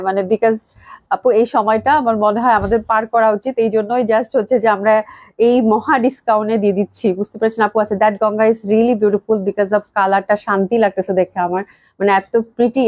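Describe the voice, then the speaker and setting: Fast-talking woman selling clothes live. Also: medium pitch, a little mellow, no echo. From Bangladesh. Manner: chatty, repetitive gushing praise, talks to viewers. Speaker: clothing shop seller. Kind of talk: live-stream sales pitch. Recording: dull lo-fi live-stream audio.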